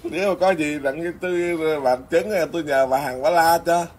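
A man's voice: a little high, normal speed. A man who is a Buddhist monk, chatting casually and teasing, laughing often. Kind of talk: casual chat. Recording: noisy background.

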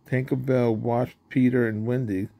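A man with a voice of ordinary pitch reads a children's storybook aloud. His reading is plain, with small slips that he stops to correct. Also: little pitch movement, unhurried, creaky, dark tone. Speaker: storybook reader.

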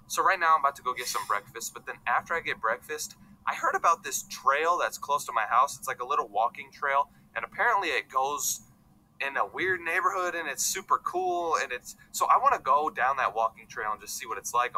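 Bright rambling young vlogger guy. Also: mid-range voice, a little hiss or hum, poor audio. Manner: rambling, joking, says "bro" a lot. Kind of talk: casual vlog talk to camera.

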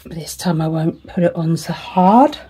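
Slow-talking woman muttering over crafts. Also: low voice, background noise. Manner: chatty, thinks aloud, self-deprecating, slips into whispers. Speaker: resin crafter. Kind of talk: casual crafting commentary.

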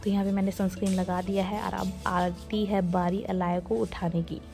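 Mellow-voiced young mom narrating her day. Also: mid-range voice, flat delivery, moderate pace, gravelly, soft background music. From India. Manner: chatty, homely, talks straight to viewers. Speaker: vlogger, homemaker mother. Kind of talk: casual voice-over vlog narration.

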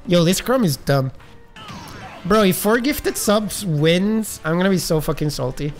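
A man streaming a game, commentating casually with an accent, excitable, gasping and shouting, swearing freely. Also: high-pitched, unhurried, soft background music. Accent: some accent. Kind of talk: live gaming stream commentary.

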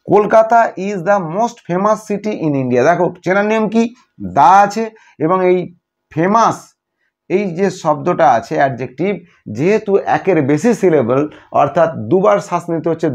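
A man with a Bengali accent teaching an English grammar lesson step by step, asking the viewer questions and slowing down to dictate example sentences. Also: on the high side, muffled recording.

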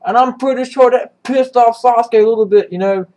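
A man's voice: very high voice, fairly quick, darkish tone, poor audio. A man giving a casual, rambling, profanity-heavy recap of a comic chapter, with many restarts. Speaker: manga reviewer.

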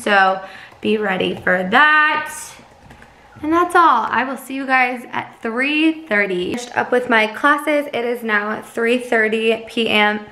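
A woman's voice: a little high, bright, forceful tone. A woman in her twenties, a student teacher, talking casually to her camera at home in an upbeat, chatty way, often saying "like". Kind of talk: casual vlog talk to camera.

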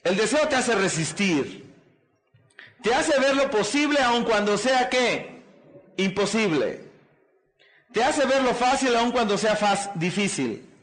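A man with a high, expressive, fairly bright voice takes his time, pausing often. As a seminar's motivational speaker, he preaches with repetitive rousing lines and quizzes the audience, asking "¿qué?" and "¿verdad?" in call-and-response fashion.

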